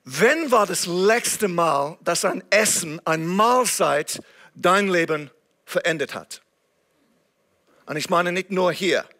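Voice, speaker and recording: An Englishman, serving as a guest preacher, delivers a sermon in German with an English accent. His voice is high-pitched, bright and forceful, slow and expressive, and he comes across as earnest, now and then searching for words.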